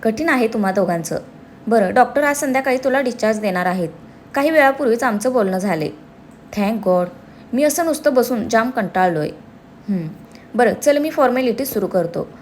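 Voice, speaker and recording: A woman voicing a calm, level-headed young man who reasons with his friends. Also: fairly high pitch, normal speed, slight background noise, lightly acted. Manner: reasoning, reassuring.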